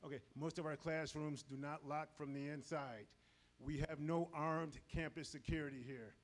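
On a handheld mic in a large auditorium, an energetic middle-aged man gives a safety training talk to a live audience. He's loud, fairly high-pitched, and speaks at a moderate pace while moving around the stage.

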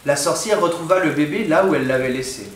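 A man reads a children's picture book aloud in a fairly high voice, giving the story an expressive, dramatic lift. He reads like a storyteller for young children. His voice carries a roomy echo. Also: fast, a little hiss or hum.

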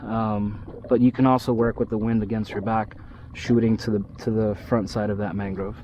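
A man in his thirties, a fishing vlogger, chatting excitedly to the fish and viewers on a small boat outdoors, recorded on an action camera. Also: on the low side, normal speed, a little hiss or hum, low-quality recording. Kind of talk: casual on-the-water commentary. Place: outdoors on a small skiff on open water. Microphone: action camera on his body.

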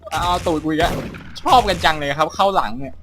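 A man hosting a game channel, playing with friends and reacting loudly, swearing and crying out in alarm. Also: on the high side, quick pace, a little hiss or hum. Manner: loud, excitable, swears a lot, cries out in alarm. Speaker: gaming channel host. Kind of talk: let's play commentary with friends. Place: room full of players.

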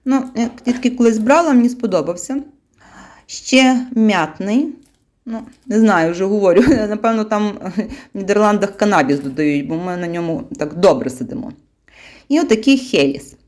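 A woman's voice: mid-range voice, a little mellow. A woman vlogger talking casually as she unpacks her weekly groceries, chatty and full of fillers and small laughs. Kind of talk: casual chat.

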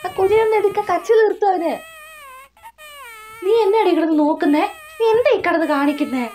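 A woman acting as a nagging middle-aged mother in a comic family skit, scolding with rapid questions. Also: very high voice, mellow, a little hiss or hum. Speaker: mother of a new mother.

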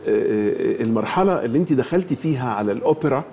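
A middle-aged man with an Egyptian accent, hosting a talk show interview in an animated, teasing way. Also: medium pitch, racing, slight background noise. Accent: Egyptian Arabic. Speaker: host.

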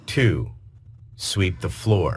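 A woman's voice reading short textbook drill phrases in a slow, drawn-out way. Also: extremely low pitch, lively intonation, background noise, pitched below the performer's own voice, heavily acted. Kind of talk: slow textbook audio prompts.

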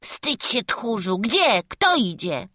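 A woman's voice: on the high side, sing-song, sharp tone, dry recording, clean studio sound, heavily acted. A bold peasant boy. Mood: teasing, brave. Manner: bold, pleading, quick to protest. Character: brave cheeky peasant boy apprentice. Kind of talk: audiobook character voice.

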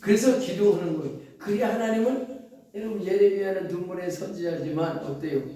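A man's voice: high voice, brisk, warm tone. A pastor preaching a sermon to his congregation, quoting scripture and asking rhetorical questions with strong emphasis. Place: church sanctuary. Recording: very echoey church from far off.

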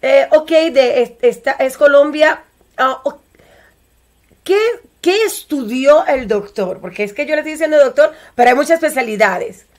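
A woman's voice: high-pitched, normal speed. A middle-aged woman hosting a TV show, chatting with a guest over a video call with fillers like "este". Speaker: TV host.

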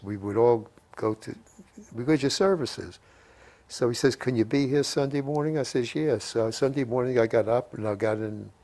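A man's voice: medium pitch, darkish tone. A man in his eighties telling rambling anecdotes in an interview, repeating phrases and quoting old conversations as he goes. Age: 80s. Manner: rambling, repeats phrases, quotes remembered dialogue. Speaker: WWII veteran being interviewed. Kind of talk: reminiscing, anecdotal interview storytelling. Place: living room at home. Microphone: lapel mic.

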